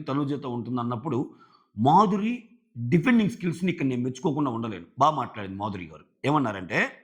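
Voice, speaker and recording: A man's voice: medium pitch, a bit bright. A man reviewing a reality show in casual commentary, retelling scenes and quoting the contestants.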